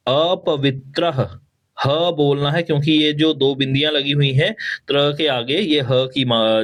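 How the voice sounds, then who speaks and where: A man teaching the correct pronunciation of a verse. He breaks words into syllables and asks the listener to repeat after him. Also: on the high side. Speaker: spiritual teacher. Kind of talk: pronunciation drill for a chant.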